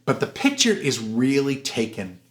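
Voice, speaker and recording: A man hosting a casual film review show, animated and gossipy, sometimes putting on voices for quotes. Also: mid-range voice, moderate pace. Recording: roomy echoey room.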